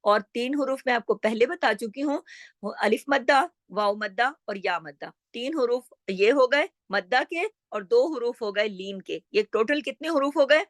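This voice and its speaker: A woman's voice: fairly high pitch, lively intonation, moderate pace, no room sound, studio quality. A woman teaching a tajweed lesson online, patiently explaining and repeating, often asking the viewer a question and answering it herself. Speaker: Quran recitation teacher.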